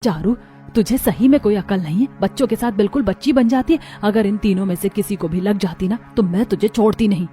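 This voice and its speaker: Scolding cartoon mother who favors her sons, voiced by a woman, lowish mellow voice, faint music. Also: brisk, close to an everyday voice. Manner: scolding, harsh. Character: stern, favoritist mother of a daughter and three sons. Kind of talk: cartoon voice acting.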